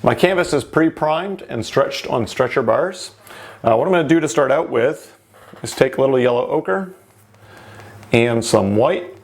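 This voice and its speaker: Gravelly male TV-style painting instructor. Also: medium pitch, lively intonation, a little slow. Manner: informal, narrates each step while working.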